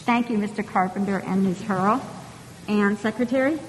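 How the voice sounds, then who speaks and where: A woman presiding as judge, running formal court proceedings in a courteous, orderly way. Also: moderate pace. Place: large conference hall. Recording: reverberant hall, faint rumble.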